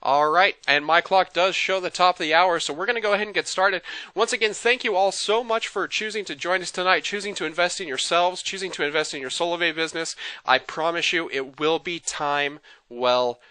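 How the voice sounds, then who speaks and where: An excited man pitching a business opportunity on a web presentation, rattling through his points quickly and eagerly. His voice sits a little high and sounds bright and crisp. The sound is dry and close. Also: dry recording. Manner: excited, fast-talking, salesy. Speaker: webinar presenter. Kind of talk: enthusiastic sales presentation.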